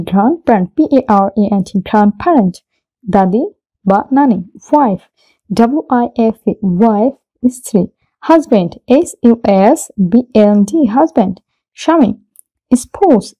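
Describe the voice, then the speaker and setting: A woman who speaks Bengali as her first language, teaching English vocabulary in a slow lesson, spelling each word out letter by letter before giving its meaning. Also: fairly high pitch, warm tone, low-quality recording.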